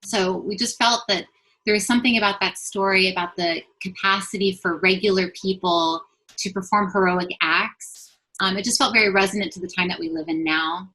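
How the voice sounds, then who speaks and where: Woman from los angeles, young adult, earnest, thoughtful, bright clear tone. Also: medium pitch, steady tone, normal speed, low-quality recording. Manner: thoughtful, earnest, fluent with soft fillers. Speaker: writer and producer. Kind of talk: casual interview answers.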